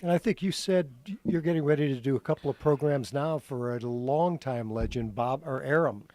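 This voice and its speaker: A man's voice: mid-range voice, moderate pace, a little mellow, no echo. A man, chatting casually as a co-interviewer and prompting the guest.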